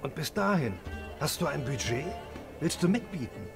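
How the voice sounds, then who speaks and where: A man voicing an eager, teasing companion in a video game, chummy and animated. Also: a little high, normal speed, vocal fry. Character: eager, teasing male acquaintance at the auction. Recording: music behind the voice.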